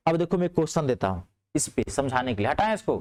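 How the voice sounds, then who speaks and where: A man teaching a grammar class in speech, asking his students checking questions and answering them himself. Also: fast talker. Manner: lively, rising on questions and dropping low on answers.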